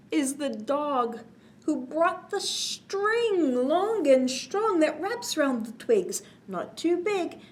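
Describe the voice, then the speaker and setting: This is a high-pitched woman hosting story time for kids. She reads a picture book with expressive, sing-song stress and breaks off to explain and ask questions.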